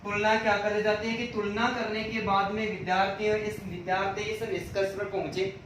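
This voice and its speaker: A man's voice: high voice, flat delivery, a little fast, a bit bright, a little hiss or hum. Man lecturing in a far-off, echoing room. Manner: repeats each question and answers it himself, drilling points. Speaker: teacher. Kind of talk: exam-prep lecture.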